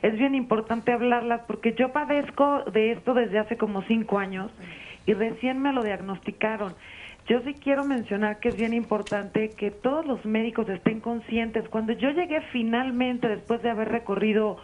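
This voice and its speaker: A woman's voice: a little high, moderate pace. A woman, calling in over the phone to a live radio show and earnestly telling her story at length. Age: 40s. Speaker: caller. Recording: dull lo-fi phone line.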